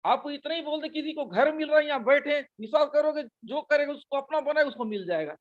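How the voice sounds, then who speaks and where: A man's voice: very high voice, lively intonation, brisk, dull audio. A male pastor delivering an urgent sermon, repeating his calls to the listeners again and again. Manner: urgent, repetitive exhortation.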